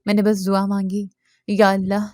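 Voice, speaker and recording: A woman narrates a first-person horror story in an earnest, tense voice at a middle pitch. The recording is close and dry, with no room sound at all. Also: completely flat delivery, darkish tone, dry recording.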